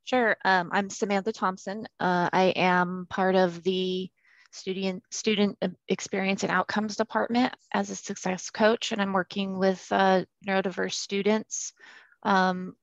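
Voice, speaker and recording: Woman coach, informal and halting, strongly gravelly fry, dry close sound on a video call. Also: mid-range voice, little pitch movement, no echo. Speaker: college success coach. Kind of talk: informal self-introduction. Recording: slightly dull video-call audio.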